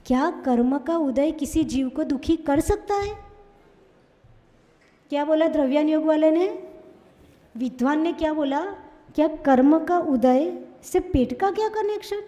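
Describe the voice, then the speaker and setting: A woman's voice: high-pitched, a little slow, pauses often, mellow, dull audio. A Jain nun giving a sermon in Hindi with an Indore accent, scolding and putting rhetorical questions to her listeners. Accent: Indian Hindi, Indore. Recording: long hall reverb.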